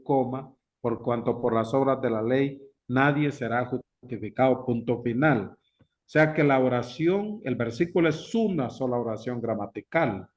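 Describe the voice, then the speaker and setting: A pastor teaching a Bible class, speaking slowly and emphatically and repeating key words. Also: male voice, medium pitch, darkish tone. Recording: dull lo-fi recording.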